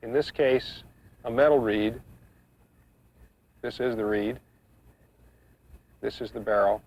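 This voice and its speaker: A man giving an instructional demonstration, explaining each step in a measured, practical way. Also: medium pitch. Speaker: duck calling instructor. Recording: muffled, dull 1990s instructional video sound.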